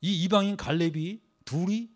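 A man preaching a sermon, quizzing his congregation with rhetorical questions and leading them through scripture readings, swinging between loud emphasis and quiet asides. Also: sits high, normal speed. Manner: leads group scripture reading. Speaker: pastor.

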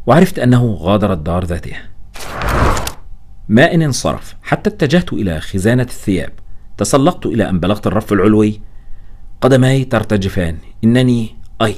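A man's voice: lowish voice, darkish tone. A man giving a tense, dramatic audiobook narration of a first-person story.

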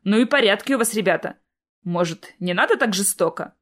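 A woman's voice: mid-range voice, expressive, brisk, lightly acted. Woman doing a weary, grumbling spirit man. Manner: plaintive, reluctant. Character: weary grumbling male otherworldly being.

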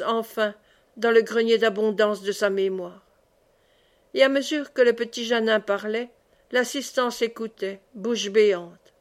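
A woman reading a classic novel aloud as an audiobook, expressive in the dialogue. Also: a little high. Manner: expressive, raises voice for cries. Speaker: audiobook reader.

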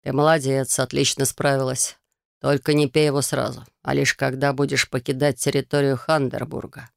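Reader plays a calm, wary male mentor-mage, low gravelly tone, dry close sound. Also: moderate pace, no echo, close to an everyday voice. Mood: approving. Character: kind male magister mentor, gentle and wary.

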